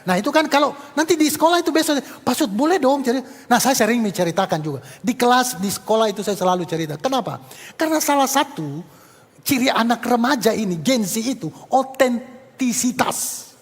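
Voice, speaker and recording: High-voiced preacher in echoey hall. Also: male voice, a little fast, slightly rough. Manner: animated storytelling, acting out dialogue, addressing congregation. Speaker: evangelist preacher. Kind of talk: sermon with acted anecdotes. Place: church.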